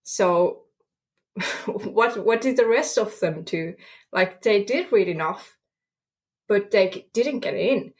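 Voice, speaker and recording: Expressive and slow, with long pauses, this mid-range female voice belongs to a young student from Finland guesting on a podcast. She speaks accented English, often hunting for words and leaning on fillers.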